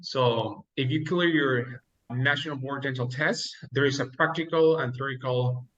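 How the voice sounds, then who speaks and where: In a relaxed interview, a young dentist from Mexico, a native Spanish speaker, walks through his path one step at a time and offers advice, earnest and laughing now and then. He talks at a normal speed in a mid-range voice with a fairly bright tone, on a muffled recording.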